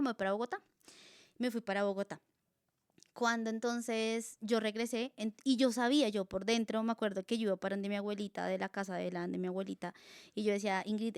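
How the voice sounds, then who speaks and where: A young woman with a Colombian accent, a guest telling her personal faith testimony in casual, animated storytelling, acting out her own past dialogue with many fillers. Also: mid-range voice, clear, resonant tone, no echo, clean studio sound.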